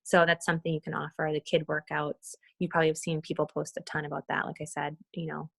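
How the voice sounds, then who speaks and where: A team leader, a woman with a slightly low, creaky voice, walks her team through a task over a group video call with screen share. She talks fast and casually in a flat delivery, thinking aloud as she demonstrates. The sound is dry and close, with no echo.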